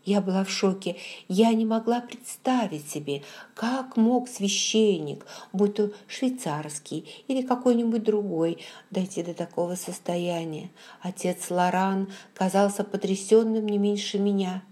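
A woman narrating an audiobook in the first person, with calm, measured storytelling. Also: mid-range voice.

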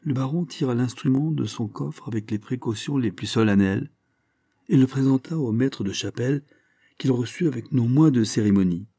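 A man reading a story aloud as an audiobook narrator, in a steady, measured style. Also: medium pitch, no echo, clean studio sound. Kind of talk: scripted narration.

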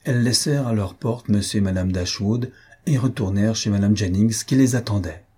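A man reading a classic novel aloud in a measured, even storytelling manner. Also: on the low side, breathy edge. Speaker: audiobook narrator.

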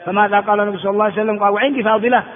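High-voiced sheikh teaching in an echoing hall. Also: male voice, steady tone, very fast. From Ethiopia. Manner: explanatory, repeats and glosses phrases, frequent filler words. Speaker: religious teacher. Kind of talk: classroom lecture explaining hadith text. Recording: tinny lo-fi recording with long hall reverb.

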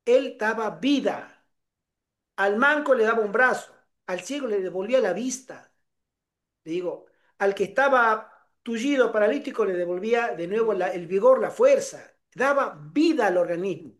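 A man with a high voice delivers a sermon in an animated storytelling manner, acting out the voices of the people in his story. His pitch stays notably high as he preaches. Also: moderate pace. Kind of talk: sermon with personal anecdote.

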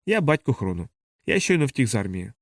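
A man's voice: medium pitch, big pitch swings, a little fast, dry recording, clean studio sound. Man doing a curt whispering deserter. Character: stern male deserter messenger, curt and secretive.

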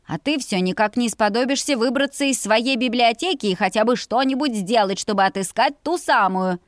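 A woman's voice: on the high side, normal speed, no room sound, clean studio sound, pitched above the performer's own voice, natural voice. A woman voicing a stern mother who scolds and commands in a raised voice. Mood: scolding. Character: stern loud mother pushing her children to marry.

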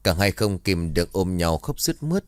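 A man narrating a scripted horror story in a steady, even storytelling manner. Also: sits low, a little fast, clean tone, no echo, clean studio sound.

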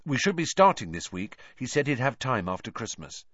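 A man's voice: medium pitch, sing-song, brisk, fairly bright tone, dry recording, voice pushed up. A man voicing a gloomy, weary teenage boy wizard, recorded a little dull and dry.

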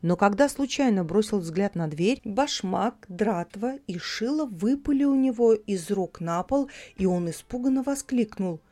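Woman narrator, fairy tale audiobook, calm, expressive, medium pitch, dry close sound. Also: unhurried, hardly any pauses, no echo.

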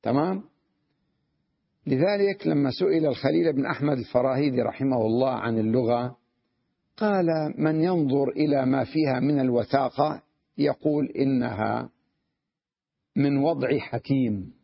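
Husky man teaching Arabic grammar. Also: mid-range voice, dry recording, lo-fi sound. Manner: explains patiently, checks understanding with repeated questions; sounds out wrong word forms slowly to contrast them. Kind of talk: classroom grammar lesson.

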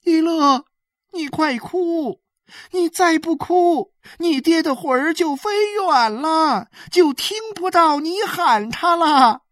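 Woman putting on a sobbing village woman, high and begging, slow wails, dry sound. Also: a bit bright, no room sound, exaggerated voice. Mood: tearful pleading. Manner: wailing, drawn-out begging. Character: desperate pleading village woman, weeping.

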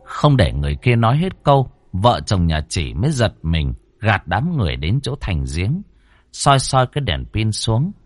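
A man narrating a ghost story in a dramatic way, slowing down for suspense. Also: fairly low pitch, sing-song, no room sound.

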